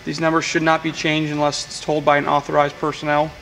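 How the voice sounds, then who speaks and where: Recorded fast and with poor audio, a man with a gravelly, somewhat high voice goes step by step through a control panel in a flat, matter-of-fact way, often saying "uh." The welding equipment technician stands beside a welding machine in a workshop for this hands-on demonstration, with faint machine-shop noise picked up by a camera mic.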